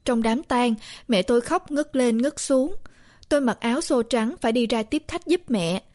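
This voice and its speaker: Brief: a woman storyteller, somber and steady, voice a touch high. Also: moderate pace, no echo, clean studio sound. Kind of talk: first-person story narration.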